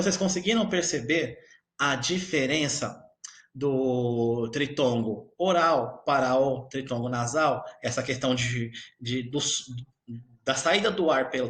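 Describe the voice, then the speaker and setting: A male teacher with a Brazilian Portuguese accent gives an online grammar lesson, explaining slowly and often checking in with his students. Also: medium pitch, a bit bright. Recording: echoey room.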